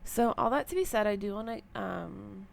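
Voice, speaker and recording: A young woman walks through her budget in a loose, rambling way, full of ums and likes. Her voice is scratchy and gravelly with fry, as if she has just woken up. Her pitch sits in an ordinary middle range. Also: normal speed. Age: young adult. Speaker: personal finance vlogger. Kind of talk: casual budgeting walkthrough.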